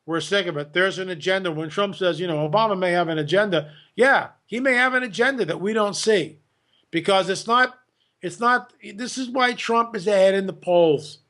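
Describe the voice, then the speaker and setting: A man with a high-pitched voice talks as a podcast guest. He speaks emphatically and with strong opinions, repeats words often and slips into mocking impressions of other people. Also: normal speed, a bit bright.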